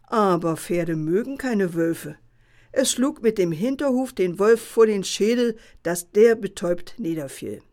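Woman storyteller, children's bedtime reading, slow and calm. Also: medium pitch.

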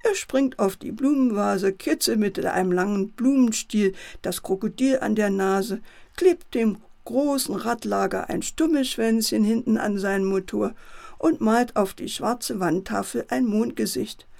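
A woman reads a children's bedtime story aloud, gentle and lively. Her mid-range voice carries a gravelly texture. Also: medium pitch, a little slow.

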